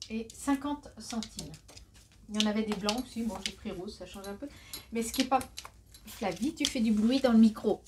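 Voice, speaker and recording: A woman's voice: medium pitch, a little mellow, a little hiss or hum. A woman in her forties chatting casually through a shopping haul vlog, giggling and making self-mocking asides. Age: 40s. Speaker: vlogger. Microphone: phone camera.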